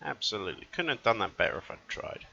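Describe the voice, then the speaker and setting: A man's voice: fairly low pitch, big pitch swings, fast talker, vocal fry, pushed and bright, slight background noise. A man giving casual let's-play commentary, thinking aloud as he plays and often correcting himself mid-sentence. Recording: dull lo-fi recording.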